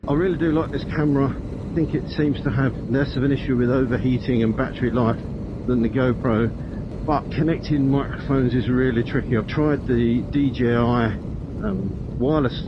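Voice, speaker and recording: A man's voice: medium pitch, fairly even intonation, moderate pace. A man chatting casually and rambling as he rides, his voice muffled and boxed in inside a helmet. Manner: rambling, thinking aloud. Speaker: motorcycle vlogger. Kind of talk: casual motovlog chat while riding. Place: inside a motorcycle helmet, riding outdoors on country roads. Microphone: helmet intercom microphone. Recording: muffled helmet intercom, loud wind and engine noise.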